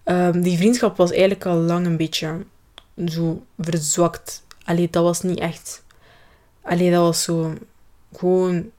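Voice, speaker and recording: A young Flemish-accented woman hosts a personal podcast, rambling through her year while often searching for words and restarting. Her voice is on the low side, level, mellow, and a little slow.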